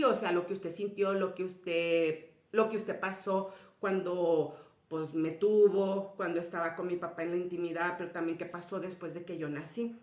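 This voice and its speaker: A woman giving a spiritual personal testimony to an audience, retelling conversations and often dropping to a soft, low voice. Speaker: speaker sharing a personal story. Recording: roomy echoey sound.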